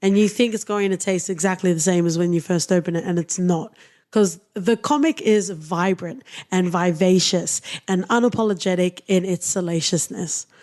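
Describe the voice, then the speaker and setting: A woman's voice: lowish voice, normal speed, darkish tone. A woman co-hosting a casual podcast, reviewing a TV series in an opinionated, teasing way. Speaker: podcast co-host.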